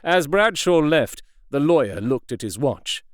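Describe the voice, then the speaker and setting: Slow, expressive male audiobook narrator. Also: fairly high pitch, no echo, clean studio sound. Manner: measured and expressive. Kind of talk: scripted narration.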